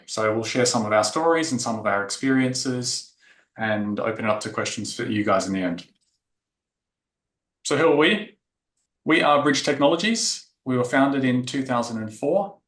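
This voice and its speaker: A man's voice: medium pitch, a bit bright. A man from Australia giving a technical conference presentation, explaining with frequent fillers. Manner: explanatory, filler-heavy delivery. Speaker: tech talk presenter. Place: conference room. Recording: echoey conference room.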